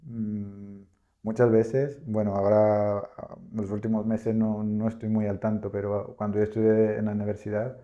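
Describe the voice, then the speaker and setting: A man from Spain hosting a podcast, asking questions in a measured, casual way. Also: lowish voice, level tone, warm tone. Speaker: podcast host. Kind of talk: casual interview. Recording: dull lo-fi sound.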